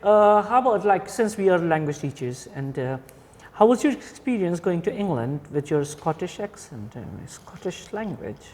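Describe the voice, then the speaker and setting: A man's voice: sits high, very animated, normal speed, hardly any pauses, a little mellow, long reverb tail. A man who teaches languages, interviewing a guest with hesitant questions full of fillers.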